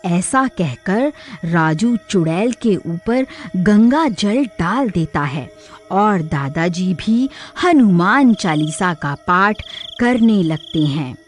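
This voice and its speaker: A woman narrating a cartoon horror story in a slow, deliberate scripted style. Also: fairly low pitch, animated, faint music behind.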